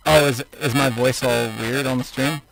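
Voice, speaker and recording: Distracted man over loud game music. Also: medium pitch, fairly even intonation, normal speed, creaky, rough recording. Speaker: stream co-host playing the game. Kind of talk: casual chat.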